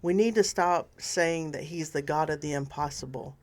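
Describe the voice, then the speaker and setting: Older woman co-host, low-ish voice, chatty and rambling faith talk. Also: moderate pace. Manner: animated, rambling, restarts often. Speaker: podcast co-host. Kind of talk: casual faith discussion.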